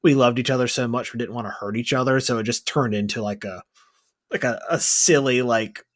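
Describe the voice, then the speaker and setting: Casual male co-host, mid-pitched, playful and rambling, lots of "like" fillers. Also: a little fast. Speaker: podcast co-host. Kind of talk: casual movie chat.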